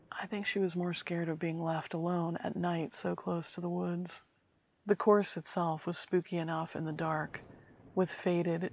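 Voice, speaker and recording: Low, even-toned woman narrating with quiet dread. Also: no room sound, dull audio. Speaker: horror story narrator. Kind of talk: scripted first-person horror story narration.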